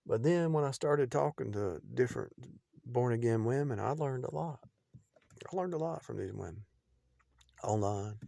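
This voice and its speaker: A middle-aged man talking in an unscripted, rambling preaching monologue, repeating phrases and restarting sentences, often dropping in loudness. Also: medium pitch, expressive, normal speed, gravelly, pauses often, no echo, clean studio sound.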